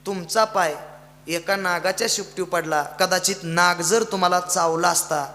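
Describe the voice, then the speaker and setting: A man's voice: high-pitched, fairly even intonation, normal speed, pushed and bright. A man doing a humble poor woodcutter. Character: humble poor male woodcutter, plain-spoken. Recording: echoey hall reverb.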